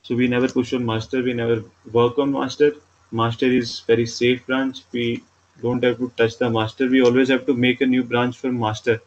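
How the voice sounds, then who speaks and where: Indian-accented man, flat tutorial delivery. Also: medium pitch, moderate pace. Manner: repetitive, simple step-by-step explaining. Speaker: programming instructor. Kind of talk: screen-recorded tutorial, explaining step by step. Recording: dull lo-fi mic with background noise.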